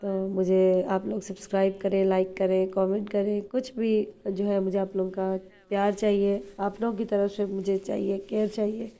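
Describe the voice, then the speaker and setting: A woman vlogger from Pakistan talks fast and chattily straight to her viewers. Her voice is very dark and mellow and a little hoarse from flu. She speaks in a flat, level tone, full of fillers. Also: mid-range voice. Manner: rapid, chatty, many fillers. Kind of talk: casual vlog talk to viewers.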